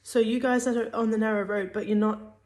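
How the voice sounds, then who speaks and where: A woman's voice: on the high side, steady tone, a little fast, darkish tone. A woman giving a casual spoken religious teaching, hesitant, with many fillers and restarts.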